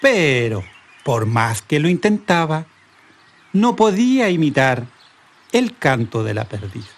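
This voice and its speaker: Folk-tale narrator: very slow and measured, lively melody. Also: mid-range voice. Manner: unhurried, measured phrasing. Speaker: storyteller.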